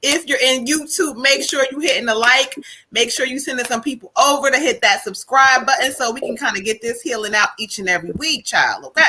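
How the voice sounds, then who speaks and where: This is a woman hosting a casual live tarot stream. She talks loose and slangy, laughs easily and swears now and then. Her voice is bright and a little high. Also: brisk, husky, rough recording. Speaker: tarot reader and co-host.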